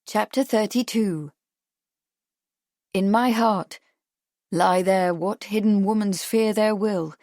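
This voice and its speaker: A woman reading a mystery audiobook as narrator in a measured, even way. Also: mid-range voice, no room sound, studio quality. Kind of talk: scripted narration.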